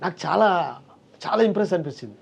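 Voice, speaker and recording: A man's voice: sits high, lively intonation, quick pace, vocal fry, breathy edge. A man, a comedian and mimic, talking in a casual interview and acting out quoted voices as he tells stories.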